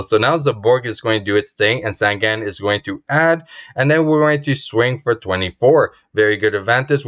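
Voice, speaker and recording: A man's voice: medium pitch, fairly bright tone. Man narrating card game plays, voice going. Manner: upbeat, recaps each move with quick verdicts. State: losing his voice. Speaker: channel host. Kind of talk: play-by-play card game commentary.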